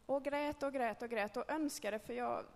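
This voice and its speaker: A woman's voice: fairly high pitch, in a large hall. A woman giving a candid, conversational personal testimony to a group, with frequent hesitations. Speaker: speaker telling a personal faith story.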